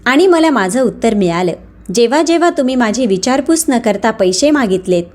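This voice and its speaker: Calm, firm older mother in a storybook, slightly high voice, read by a woman. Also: brisk, natural voice. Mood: stern. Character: calm dignified older mother, wealthy but humble.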